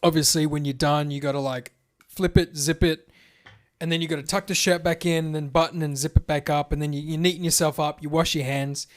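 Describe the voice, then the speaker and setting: A man's voice: fairly high pitch, fairly even intonation, a little fast. A man with an Australian accent, co-hosting a podcast in rambling, crude, jokey chat. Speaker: podcast co-host. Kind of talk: casual chat.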